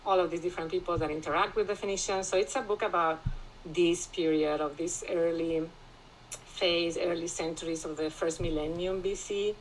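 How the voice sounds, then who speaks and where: A woman from Spain, a classicist, talking as a guest in a podcast interview, thoughtful and pausing often with restarts. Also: on the low side, steady tone, a little hiss or hum, rough recording. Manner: thoughtful, many restarts and fillers, laughs often.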